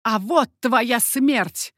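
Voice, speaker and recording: A woman's voice: fairly high pitch, extremely slow, fairly bright tone, no room sound, studio quality, exaggerated voice. A woman reading an audiobook, voicing an old mother who pleads desperately for her son. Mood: vengeful.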